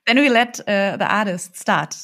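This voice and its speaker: A woman moderating a panel discussion, brisk and friendly. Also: mid-range voice, expressive, fairly bright tone.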